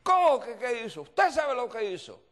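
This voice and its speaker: A male preacher voicing a furious middle-aged housewife who shouts accusations in a high, indignant voice. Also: measured pace, big-room sound. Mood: accusing.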